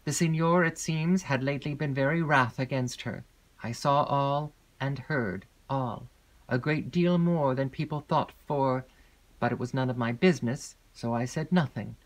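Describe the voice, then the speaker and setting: A woman voicing a gloomy, secretive male porter in an audiobook, speaking slowly and gravely with long hesitations. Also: very deep voice. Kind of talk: audiobook character reading.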